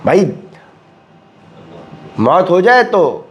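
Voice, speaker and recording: A man's voice: sits high, very animated. A man teaching a Quran study session, reading a translation and explaining it in a conversational way, with rhetorical questions. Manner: conversational, asks rhetorical questions, mixes English words.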